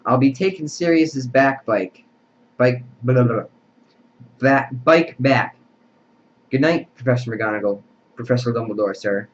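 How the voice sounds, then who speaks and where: A man's voice: mid-range voice, measured pace, pauses often, muffled recording, lightly acted. Hagrid, a man doing a sobbing shaggy giant. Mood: gruff. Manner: stammering, sobbing, raised voice. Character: big shaggy tearful male half-giant groundskeeper.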